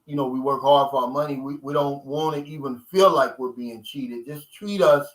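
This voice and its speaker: Speaking at normal speed in a mid-range voice over a rough recording, a man in his fifties hosts a casual live stream. He reads his viewers' chat messages and responds in loose, streetwise fashion.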